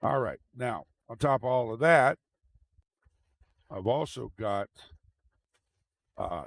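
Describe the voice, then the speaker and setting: A man giving a casual, unscripted tech demonstration, rambling and repeating himself, with a gravelly voice. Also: on the low side. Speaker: tech video host. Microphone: microphone into computer audio mixer. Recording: very noisy microphone with fan noise. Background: fan running.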